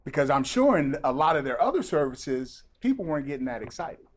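A man preaching a sermon as pastor, reading scripture and then talking to the congregation in a lively, conversational way. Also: a little high, fairly quick, a little hiss or hum.

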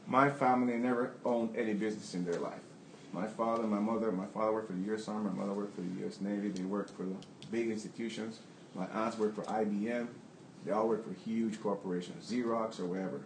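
A man's voice: fairly low pitch, fairly even intonation, quick pace, echoey room, a little hiss or hum, poor audio. A man who owns a plumbing business, answering audience questions candidly and rambling with restarts. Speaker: plumbing business owner on a panel.

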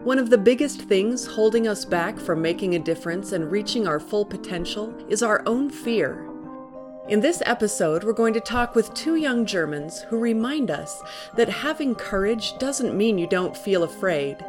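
A woman hosts a scripted podcast, asking her guests questions in a cheerful tone. Her voice sits at a middle pitch, and faint music plays behind her. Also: expressive, moderate pace. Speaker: podcast host.

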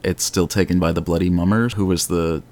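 A man chatting casually as a podcast host, rambling and animated, with the occasional swear. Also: sits low, brisk, a little hiss or hum. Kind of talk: casual fan discussion.

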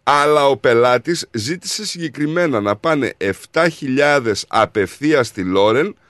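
A man's voice: mid-range voice, lively intonation, a bit bright, dry recording, studio quality. A man co-hosting a radio show, telling a story in a teasing, casual banter.

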